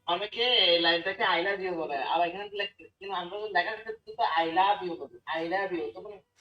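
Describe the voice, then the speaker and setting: A man's voice: high voice, fairly even intonation, a little fast, soft background music. A man asking his teacher a question in an online class, hesitant and repeating himself. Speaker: student. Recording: distant dull call audio.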